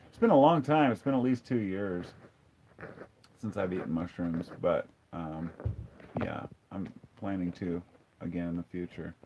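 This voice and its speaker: Guy on a livestream going off about comments, kinda low voice, swears a lot, sarcastic, keeps restarting sentences. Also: measured pace, dull audio, a little hiss or hum. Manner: blunt, profane and sarcastic; conversational, with frequent restarts. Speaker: live stream host reading viewer comments. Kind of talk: casual live stream rant.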